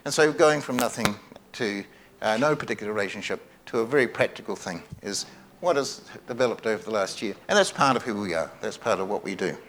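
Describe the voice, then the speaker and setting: A man's voice: on the low side, lively intonation, brisk, a bit bright. A man preaching a sermon at a microphone, earnest, repeating key phrases for emphasis and often restarting his sentences. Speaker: pastor.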